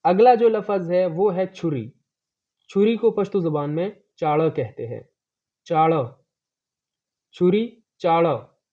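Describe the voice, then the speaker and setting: A man with a slightly high voice teaches vocabulary at a very slow, deliberate pace. He repeats each word several times as he goes through the list. The recording sounds dull and lo-fi. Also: dark tone. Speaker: language teacher. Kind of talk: vocabulary lesson.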